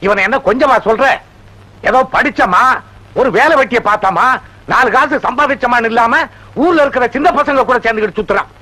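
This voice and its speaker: Loud, bright-voiced comic village father. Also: extremely high pitch, fairly quick, full character voice, poor audio. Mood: scolding. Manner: loud, exclaiming, sing-song praise. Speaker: film actor. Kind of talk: Tamil film comedy acting.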